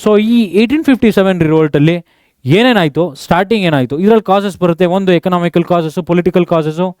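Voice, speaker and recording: A male teacher giving an exam revision lesson, quizzing students with quick questions and mixing in English terms. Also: high-pitched, a little mellow, clear, resonant tone, no echo, clean studio sound. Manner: mixes English terms into speech.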